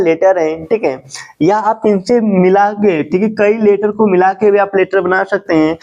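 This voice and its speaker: High-voiced teacher, muffled lo-fi recording. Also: male voice, a little mellow. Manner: repeats questions and answers them himself; slow, dictating English definitions. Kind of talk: grammar lesson.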